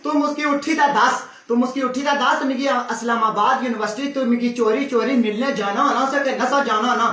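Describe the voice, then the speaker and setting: A man voicing a loud, quarrelsome sister-in-law, ranting and shouting in a comic sketch. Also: very high-pitched, normal speed, hardly any pauses. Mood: aggrieved ranting. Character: loud, quarrelsome village woman, a sister-in-law tired of housework. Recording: roomy and distant.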